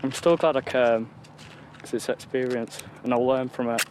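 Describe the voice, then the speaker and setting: British male, teens, medium pitch, unscripted reality TV talk, slight background noise. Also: fairly even intonation, moderate pace. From United Kingdom. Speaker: visiting teenager on a reality show.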